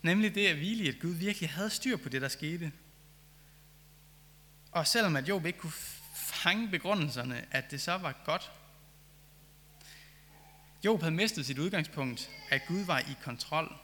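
A man's voice: fairly high pitch, expressive, pauses often, sharp tone. A man preaching a sermon, reading scripture and then reflecting on it earnestly, with rising emphasis on key phrases. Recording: long hall reverb.

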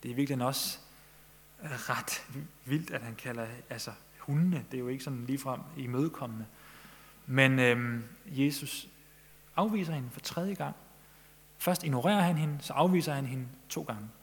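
A man preaching a sermon in Danish-language church style, earnest, pressing his listeners with questions. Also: medium pitch. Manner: earnest, rising emphasis on questions. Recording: long echo of a large hall.

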